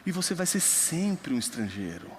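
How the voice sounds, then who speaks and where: A young man from Brazil preaching a sermon, moving between quiet storytelling and loud, emphatic passages. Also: a little high, sing-song, normal speed, a little hiss or hum. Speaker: pastor. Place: church hall. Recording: long hall reverb.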